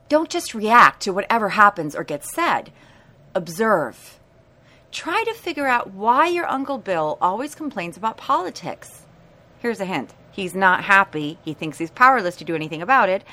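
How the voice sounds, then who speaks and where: A woman giving blunt, sassy self-help advice in an animated way. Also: mid-range voice.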